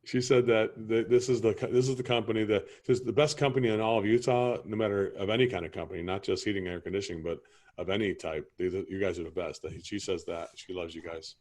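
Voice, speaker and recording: A man's voice: fairly low pitch, steady tone, fast, a little mellow. A man playing a homeowner customer in an improvised sales training role-play, rambling and often asking if you see what he's saying.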